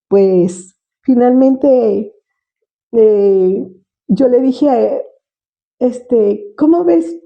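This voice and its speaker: An older woman with a Mexican accent, a retired special education teacher telling her life story in an interview, reminiscing warmly with frequent laughter. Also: a little high. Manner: warm reminiscing, laughs often.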